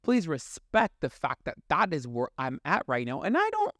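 Man, podcast host, high voice, very animated, candid storyteller, studio sound. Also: moderate pace, no room sound. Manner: candid, storytelling, laughs often, swears freely. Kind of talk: casual podcast chat.

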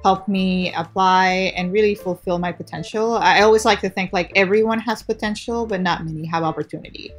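A woman's voice: medium pitch, steady tone, brisk, hardly any pauses, soft background music. A woman from Ecuador in her thirties, a guest in an interview, speaking reflectively and often tagging thoughts with "right?". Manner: reflective, with frequent "like" and "right?" tags. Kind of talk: conversational interview.

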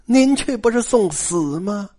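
Male traditional storyteller, colloquial and joking, very animated pitch. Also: measured pace. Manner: lively, colloquial, joking asides.

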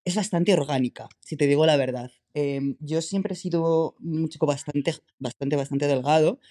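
A man's voice: fairly high pitch, mellow. A man from Madrid with a Madrid Spanish accent, a podcast guest chatting casually and telling stories with lots of fillers. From Madrid, Spain. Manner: chatty, many fillers, drawn-out storytelling. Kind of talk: casual interview chat.

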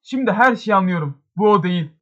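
Bir adam, rakun kürklü, kıskanç ve huzursuz bir beyefendiyi seslendiriyor. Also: male voice, high-pitched, lively intonation, fairly quick, dull audio, pitched above the performer's own voice. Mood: agitated. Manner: agitated, exclaiming. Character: jealous anxious gentleman in raccoon fur.

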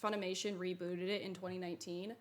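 A woman's voice: lowish voice, level tone, fast. A woman co-hosting a casual podcast who rambles and goes off on tangents. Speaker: podcast co-host. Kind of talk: casual chat.

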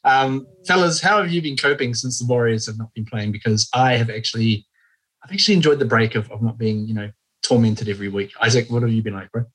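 A man's voice: mid-range voice, fast, fairly bright tone, breathy edge, rough recording. Male podcast host, Maori-influenced New Zealand accent, casual sports chat.

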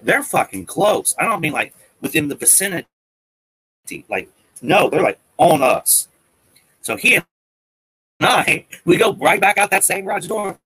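A man's voice: high voice, pushed and bright, slightly rough, dry recording, rough recording. A man telling a story to his viewers in an agitated, defiant rant, swearing often.

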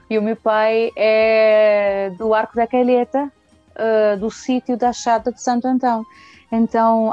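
A woman from Venezuela, a singer, talks about her upbringing in a relaxed way with filler sounds. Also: on the high side. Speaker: singer, interview guest. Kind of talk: casual interview talk. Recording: muffled lo-fi audio with faint music.

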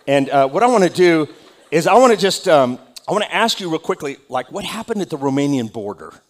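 A man's voice: fairly high pitch, sing-song, fairly quick. A man, a pastor, giving church announcements and interviewing a guest in a loose, conversational way with many fillers and restarts. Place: church sanctuary.

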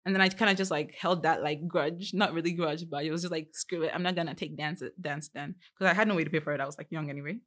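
A woman's voice: deep voice, steady tone, quick pace, hardly any pauses, fairly bright tone. A young woman, a podcast guest, chatting casually with lots of fillers and frequent laughs. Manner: laughs often, many "like" fillers. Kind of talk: casual chat.

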